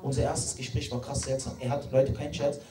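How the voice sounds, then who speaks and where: Speaking fairly quickly at a medium, level pitch, a man in his late twenties does stand-up in a hall, talking right to the audience with lots of fillers and restarts. The recording is echoey, captured from a distance, with the crowd laughing.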